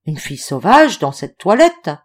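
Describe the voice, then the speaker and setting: A woman reading an audiobook voices a bewildered, courteous young gentleman who asks flustered questions. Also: on the low side, sing-song, normal speed, slightly rough.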